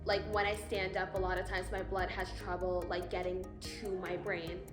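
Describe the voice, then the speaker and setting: A woman's voice: lowish voice, little pitch movement, moderate pace. Casual eighteen-year-old woman, echoey room. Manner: casual, frequent "like" fillers. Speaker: interviewee with POTS. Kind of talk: casual interview answers. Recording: roomy sound with music underneath.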